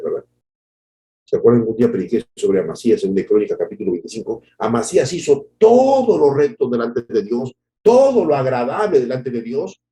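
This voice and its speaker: Male pastor, mellow dark tone, fervent preaching with big swings in loudness. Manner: emotional preaching, acts out voices of others; swings between soft low murmurs and loud high cries. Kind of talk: devotional sermon.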